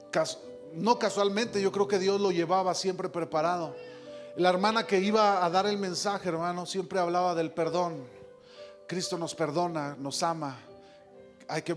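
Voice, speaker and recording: A male pastor in his thirties preaching a sermon, telling a story and often addressing listeners as brother. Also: high-pitched. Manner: storytelling, calls listeners "hermano", builds to impassioned climax.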